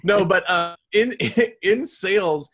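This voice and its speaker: A man hosting a casual interview, putting his questions in a loose, halting way that circles round to the point. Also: sits high, fairly bright tone. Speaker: podcast host.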